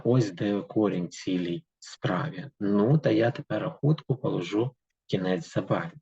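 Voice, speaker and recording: A man's voice: fairly low pitch, vocal fry, a little mellow, slightly rough, no echo. A man teaching a literature lesson who reads a poem aloud with emphasis and then explains it to pupils with many fillers. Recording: dull, lo-fi dry recording.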